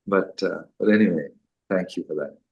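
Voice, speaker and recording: An older author from Sri Lanka chats with an audience in a lowish, creaky, husky voice, with the highs cut off. Unhurried and conversational, he works through his answers hesitantly, circling back with "um" and restarts as he gathers his thoughts.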